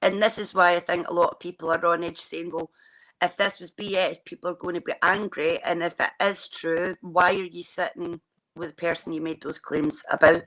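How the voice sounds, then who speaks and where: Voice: medium pitch, little pitch movement, normal speed, a bit bright, rough recording. A host in a casual group chat, making an argument and questioning what happened.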